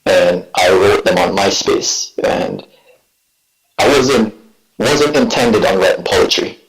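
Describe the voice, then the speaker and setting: A man in his forties from Jamaica, speaking with a Jamaican accent, telling his story as a guest poet in a reflective, halting way. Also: on the low side. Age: 40s. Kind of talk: relaxed interview talk. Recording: echoey room.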